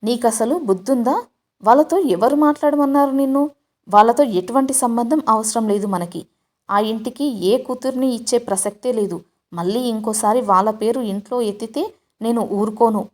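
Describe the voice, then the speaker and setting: A woman voicing an angry middle-aged father who shouts and scolds harshly in a storybook. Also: fairly high pitch, normal speed, lightly acted. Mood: furious.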